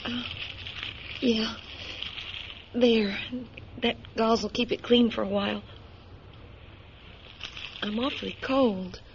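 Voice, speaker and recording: A woman plays a vulnerable, wounded young outcast in a dramatic audio play. She speaks slowly and haltingly in a slightly high voice. The recording is a little muffled, with faint noise. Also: fairly even intonation. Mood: pained, shaky. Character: wounded young female outcast, frightened, plucky, grateful. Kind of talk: dramatic audio fiction acting.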